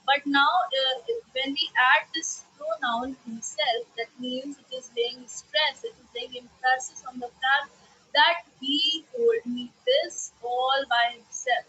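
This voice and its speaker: A woman teacher explaining grammar in a live online class, often pausing to check with "okay?" and repeating examples. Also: high-pitched, lively intonation, bright, forceful tone, breathy edge, low-quality recording.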